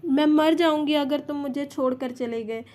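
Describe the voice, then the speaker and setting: A woman's voice: sits high, normal speed, darkish tone, close to an everyday voice. A woman reading a fan fiction story aloud and voicing a shy but feisty young heroine who scolds her lover and pleads tenderly. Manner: teasing scolding, tearful pleading.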